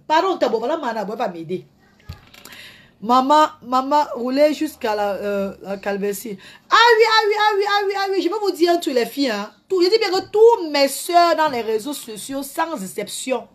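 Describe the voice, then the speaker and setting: A woman doing a live rant to her followers, theatrical, slipping into mock crying and swinging from loud outbursts to hushed asides. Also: high-pitched. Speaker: social media personality.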